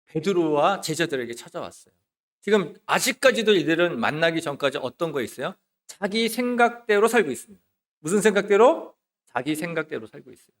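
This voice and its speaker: A male associate pastor preaching a sermon in church, asking rhetorical questions and answering them himself, moving between loud emphasis and soft, hushed words. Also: a little high. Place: church sanctuary.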